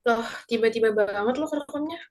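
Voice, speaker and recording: A young woman voices an outspoken student who speaks up in a lively way. Her voice sits fairly high. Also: brisk, natural voice.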